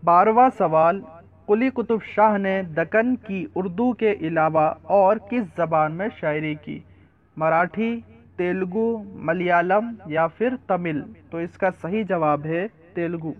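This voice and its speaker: A high-voiced man reads quiz questions one by one, lists the options, and then announces the right answer. The recording sounds slightly dull and lo-fi, without much crispness at the top. His delivery is even and methodical, like a study-guide narration. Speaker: quiz presenter. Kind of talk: reading out multiple-choice quiz questions.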